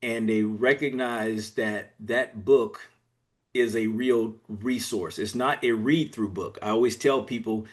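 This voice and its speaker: A man's voice: fairly low pitch, steady tone, a little slow. A man from Georgia in the US, an executive coach speaking as a guest in a podcast interview, explaining things step by step in an earnest way. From Georgia, USA.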